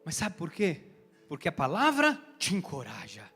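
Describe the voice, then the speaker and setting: A man with a Brazilian Portuguese accent, a bishop preaching a passionate sermon with emphatic swings between loud and soft delivery, in a church sanctuary. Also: fairly high pitch, huge pitch swings, moderate pace, vocal fry, breathy edge. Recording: reverberant church hall with soft music.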